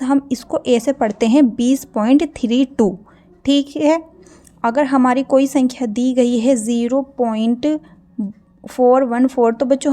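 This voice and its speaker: A woman with a slightly high, mellow voice teaching a math lesson to children. She explains each step patiently and keeps checking that the kids understand.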